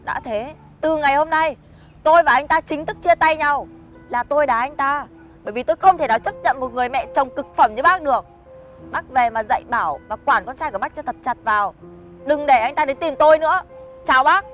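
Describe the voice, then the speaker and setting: A woman's voice: high-pitched, a little fast, fairly bright tone, faint music behind. A young actress playing a blunt, defiant young woman who answers back firmly and coldly. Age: young adult. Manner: blunt, cold, firm retorts.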